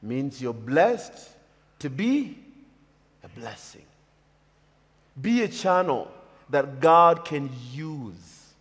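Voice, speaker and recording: Fairly high and fairly bright, this expressive pastor speaks extremely slowly and pauses often. He is a Kenyan man in his thirties preaching from a church pulpit with an emphatic, repetitive rhythm, standing on a stage in a large hall that gives the recording a long reverb.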